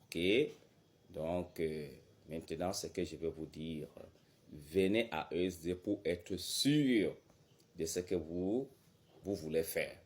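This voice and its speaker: A man talks slowly and deliberately. He promotes a language centre and drills German greetings, repeating each phrase and lifting his pitch sharply to stress it. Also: a little mellow. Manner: slow, repetitive, drills phrases with exaggerated rising pitch. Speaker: German teacher. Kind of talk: promotional talk and German lesson.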